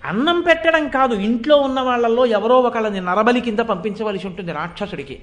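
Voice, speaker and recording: A man's voice: very high-pitched, animated, brisk. A man voicing a distressed Brahmin householder who pleads with his family, told as a storyteller's quoted speech. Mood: pleading. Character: weeping poor old Brahmin householder.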